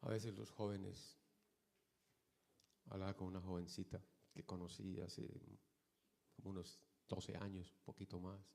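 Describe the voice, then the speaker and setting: A man preaching a sermon as pastor, swinging from loud exhortation to soft, hushed storytelling and repeating rhetorical questions to his congregation. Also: low-pitched, little pitch movement, a little slow, gravelly, pauses often.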